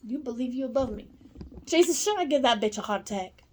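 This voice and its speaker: A woman with a fairly high voice talks in a loose, rambling monologue. She is blunt and swears freely. She drops to low murmurs, then rises into loud scolding. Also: animated, brisk, a little hiss or hum. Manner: blunt and profane. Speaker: vlogger.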